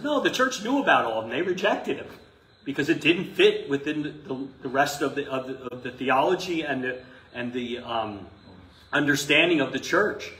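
A middle-aged man, an Orthodox priest, gives a casual live lecture to his class in a small indoor room, his voice a little high and fairly bright. He is emphatic and conversational, peppering the talk with rhetorical questions and asides. Because the mic is distant, the room sounds echoey and somewhat noisy.

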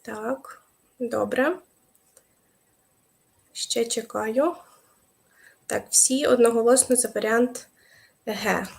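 A young woman teaching a live online exam-prep lesson, explaining patiently with hesitant fillers and pausing to wait for viewers' answers. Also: a little high, vocal fry.

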